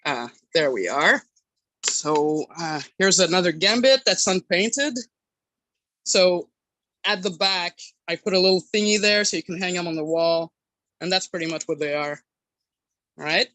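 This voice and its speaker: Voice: mid-range voice, unhurried, pauses often, bright, forceful tone, no room sound. A person from Quebec giving a casual, hesitant live tour of a home workshop, speaking informally as a hobby sculptor. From Quebec, Canada. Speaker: hobby sculptor streamer showing work. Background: bubbling aquarium water, passing truck.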